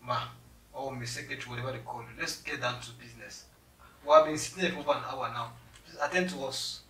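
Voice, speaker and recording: A man's voice: mid-range voice, fast talker, a bit bright, lightly acted. A young man acting as an arrogant, rude and impatient job applicant in a skit. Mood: irritated. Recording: echoey room, mic far off, noisy.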